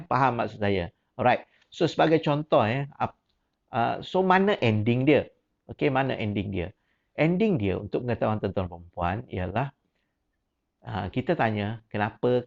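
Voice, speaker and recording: A man's voice: on the low side, gravelly. A man with a Malaysian Malay accent giving a teacher training talk, pressing with repeated questions in rising, emphatic prompts and mixing in English words. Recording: dull lo-fi recording.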